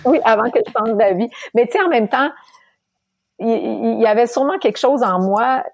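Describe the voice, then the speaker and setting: A middle-aged woman from Quebec with a Québécois accent, telling her story as an interview guest, animated and laughing often. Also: a little high, fairly quick, no echo, clean studio sound. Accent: Québécois French. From Quebec, Canada. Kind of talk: candid storytelling in conversation.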